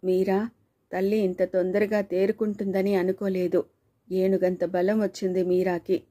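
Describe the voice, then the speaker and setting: A woman narrating a novel as an audiobook in a steady, even storytelling manner. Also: mid-range voice, measured pace.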